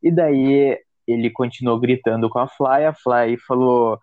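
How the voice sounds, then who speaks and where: A man co-hosts a casual podcast, mostly chiming in with short agreement. His voice is mid-pitched and dry. The sound is dull and muffled. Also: unhurried, no echo. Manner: brief agreeing interjections, relaxed comments. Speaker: podcast co-host. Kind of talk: casual chat.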